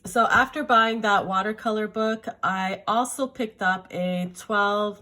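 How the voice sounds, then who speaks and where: With a fairly low, bright, and forceful voice, a middle-aged woman from Canada chats about her art supplies in a relaxed vlog, enthusiastic even with a sore throat. She's talkative and self-correcting.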